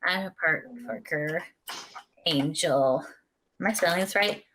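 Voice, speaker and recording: A woman from Canada co-hosting a podcast in casual chat, excitable and gushing, easily sidetracked. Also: lowish voice, measured pace, a little hiss or hum. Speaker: podcast co-host.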